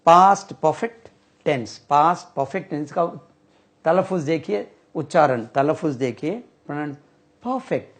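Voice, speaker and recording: Slow man teaching grammar. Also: fairly high pitch. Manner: slow, repeats and spells out terms while writing. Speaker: English teacher. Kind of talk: whiteboard grammar lesson.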